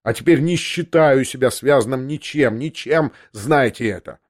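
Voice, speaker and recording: In a storybook reading, a man gives voice to a haughty young aristocrat who talks down with cold, cutting scorn. His voice sits at an ordinary middle pitch, and each phrase comes out as a sneer. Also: moderate pace, lightly acted. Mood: contemptuous. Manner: contemptuous, cutting and mocking. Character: arrogant aristocratic prince, scornful, pacing in anger. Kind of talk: audiobook character reading.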